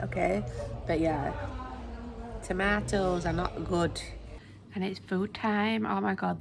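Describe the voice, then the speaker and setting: A woman's voice: mid-range voice, vocal fry. British woman chatting into a phone video. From United Kingdom. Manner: chatty, rambling, lots of ums and likes. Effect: phone video recording. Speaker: vlogger. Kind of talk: casual chat to camera. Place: indoors at home. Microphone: phone camera held at arm's length.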